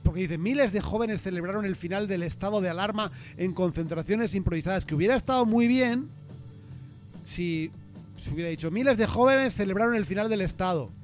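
A high-pitched man co-hosting a casual radio show, playful and teasing in his banter. Faint music sits under his voice. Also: brisk.

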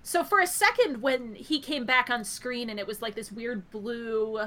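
A woman's voice: on the high side, moderate pace, sharp tone. A woman co-hosting a podcast, thinking aloud about a TV episode in casual chat, full of "like" and "I was like". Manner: thinks aloud, theorizing with many "like" fillers. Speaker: podcast co-host.

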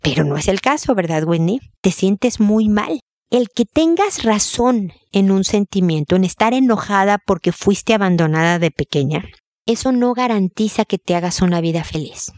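A woman's voice: mid-range voice, animated, moderate pace, darkish tone, no echo, studio quality. A woman hosting an advice show, talking straight to a listener in a direct and emphatic way. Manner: direct, emphatic, often repeats the listener's name.

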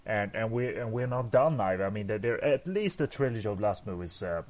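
A man's voice: on the low side, expressive, brisk, a little mellow. A man co-hosting a casual movie podcast, stammering and repeating words, often chuckling. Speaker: podcast co-host.

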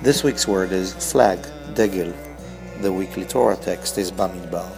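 Man, 40s, low pitch, gravelly edge, wry reflective storytelling, scripted essay narration. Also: moderate pace, music in the background. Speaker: blog host.

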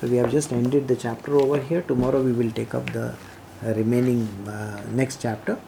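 Mellow Indian-accented spiritual teacher, voice of unclear gender. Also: mid-range voice, level tone, brisk, vocal fry, a little hiss or hum. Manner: didactic, repeats phrases for emphasis. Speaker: spiritual teacher reading and explaining scripture. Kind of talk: devotional reading with informal teaching commentary.

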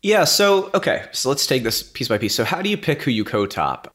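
A man co-hosting a podcast, talking in a relaxed, rambling way with lots of fillers. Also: mid-range voice, a little fast. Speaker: podcast co-host. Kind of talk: casual podcast chat.

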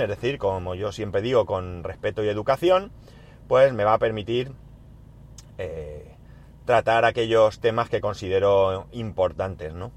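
A podcast host with a medium-pitched voice records a casual daily audio diary inside his car. His sore throat makes him clear it now and then. He rambles and thinks aloud with many fillers, stopping to correct himself.

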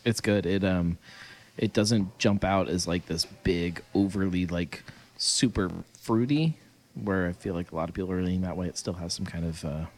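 A man with a very low voice hosts a podcast, chatting casually. He rambles with plenty of filler words and laughs easily. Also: moderate pace, a little mellow. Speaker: podcast host. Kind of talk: casual chat.

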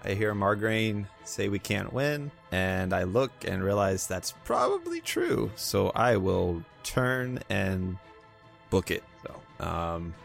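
A man's voice: on the low side, sing-song, slow pace, creaky, soft background music. A man playing in a tabletop game, talking in a hesitant, laid-back way. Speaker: player.

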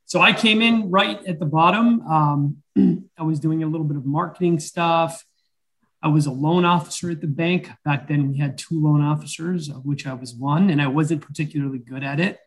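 Man talking over a video call. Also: a little high. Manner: unhurried, with frequent fillers and throat-clearing. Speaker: bank president. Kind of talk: interview answers.

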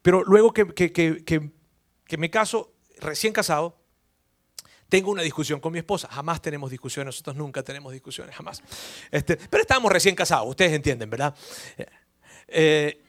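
A man's voice: fairly high pitch, lively intonation, a little fast. A man preaching a sermon through personal story, emotional, repeating words and asking the congregation questions.

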